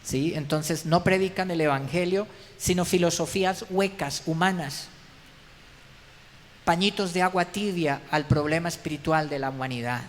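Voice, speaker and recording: Pastor preaching in a reverberant hall. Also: male voice, a little high, normal speed. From Colombia. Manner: emphatic, rhetorical questions to the congregation. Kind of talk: sermon. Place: church hall. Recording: long hall reverb, faint background noise.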